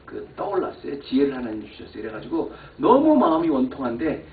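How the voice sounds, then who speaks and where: A man preaching a sermon as pastor, telling a personal story and swinging from quiet asides to loud exclamations. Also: medium pitch, big pitch swings, quick pace. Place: church sanctuary. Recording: echoey church hall, far mic, phone-like band.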